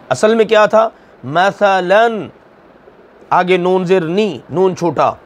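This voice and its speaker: A man teaching a Quran recitation class, explaining slowly and deliberately, asking and then answering his own questions, and drawing out recited examples syllable by syllable. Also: high-pitched. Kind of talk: recorded tajweed lesson.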